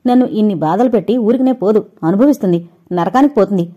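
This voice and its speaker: A woman reading an audio novel, voicing a sharp-tongued, scornful young wife in fast, angry tirades. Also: medium pitch, slightly rough, dull audio, natural voice. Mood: furious scornful. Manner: taunting, shouting fast tirades.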